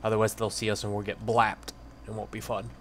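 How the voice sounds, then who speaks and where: A man's voice: lowish voice, little pitch movement, brisk, a bit bright, a little hiss or hum. A man leading a squad in military game voice chat, giving informal but directive instructions. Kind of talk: tactical gameplay voice chat.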